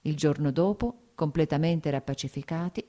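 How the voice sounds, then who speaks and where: A woman narrating a classic novel audiobook in a measured, even reading. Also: low voice.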